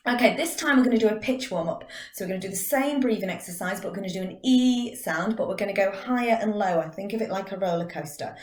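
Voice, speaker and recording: Woman leading a warm-up, echoey room. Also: medium pitch, quick pace, hardly any pauses. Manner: calm, counting out breathing exercises. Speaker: drama teacher. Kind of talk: guided vocal warm-up lesson.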